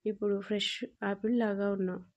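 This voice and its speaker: A woman reading the lines of a playful, possessive young husband in an audio story, in an even, warm voice. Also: medium pitch, a little fast, natural voice. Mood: teasing. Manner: playful and doting.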